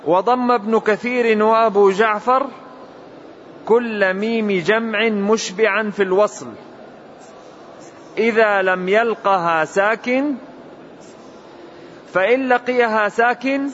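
A man with a high voice reads a classical text aloud, slow and deliberate, in a formal recitation. The recording is dull and lo-fi, with a faint hiss behind him. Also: a bit bright.

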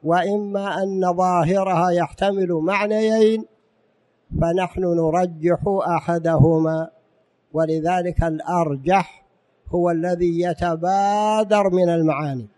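A man's voice: sits high, steady tone, a little slow, darkish tone. A man giving an Islamic lecture as a religious teacher in formal standard Arabic, didactic, repeating key phrases and posing rhetorical questions.

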